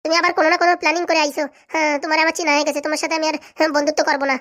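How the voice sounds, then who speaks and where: Lady doing a cold hurt little sister in a cartoon, fast talker. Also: sits high, little pitch movement, fairly bright tone. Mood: reproachful. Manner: cold, reproachful. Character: hurt, resentful younger sister. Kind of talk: cartoon voice acting.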